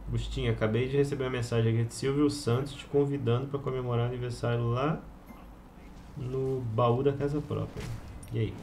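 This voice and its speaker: A man's voice: medium pitch, fairly even intonation, a little fast, darkish tone, a little hiss or hum. A young adult Brazilian man chatting casually over gameplay, teasing and slangy. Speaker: game streamer.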